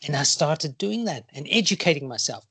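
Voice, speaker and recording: A man's voice: on the high side, lively intonation, a little fast, pushed and bright, breathy edge, dry recording. A man chatting on a podcast about running, enthusiastic and full of stories, often calling people "mate". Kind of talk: casual chat.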